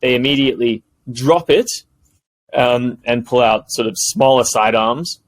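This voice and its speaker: A man narrating a tabletop game as game master, in a lively, animated way. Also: mid-range voice, measured pace, no echo, low-quality recording.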